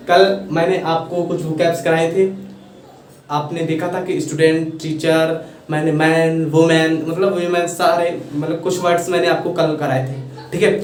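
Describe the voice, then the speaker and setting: A man's voice: on the high side, darkish tone. Indian man teaching, echoey and distant. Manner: repeats words slowly, spelling them out. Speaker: English teacher. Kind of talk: casual video lesson. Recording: echoey room, far from mic, faint hiss.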